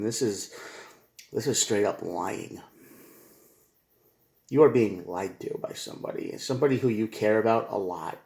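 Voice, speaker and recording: A man's voice: lowish voice, a little mellow, reverberant. A man giving a casual tarot reading, rambling and repetitive, with slangy asides like "man" and "bro.". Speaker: tarot reader.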